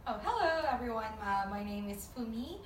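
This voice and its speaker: A woman's voice: on the high side, animated, fairly quick, a little hiss or hum. A woman from the Philippines working as a recruiter, talking in a friendly way with hesitant phrasing in a casual panel chat. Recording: echoey room, mic at a distance.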